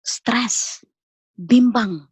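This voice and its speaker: A woman telling a personal faith testimony in a casual chat, earnest and animated, repeating phrases for emphasis. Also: a little high, extremely slow, slightly rough, no room sound, rough recording. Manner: earnest, animated storytelling with repetitions. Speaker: guest sharing testimony.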